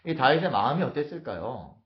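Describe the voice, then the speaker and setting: A man's voice: mid-range voice, very animated, fairly quick. A male pastor preaching a morning devotional, telling the story vividly and acting out its scenes. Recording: roomy, dull lo-fi sound.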